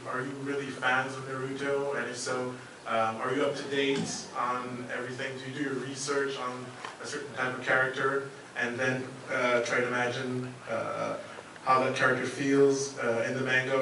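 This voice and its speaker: A man's voice: medium pitch, a bit bright, slight background noise. A man in the audience asking a long question at a convention panel, hesitant and full of fillers. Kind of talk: question from the floor. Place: large convention hall. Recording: echoey hall, mic from far off.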